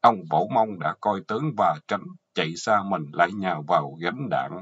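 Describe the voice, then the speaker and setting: Southern vietnamese guy telling a story, low voice, raspy, colorful and crude. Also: normal speed. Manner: earthy, colorful, mocking storytelling. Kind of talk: short story narration. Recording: dull lo-fi audio.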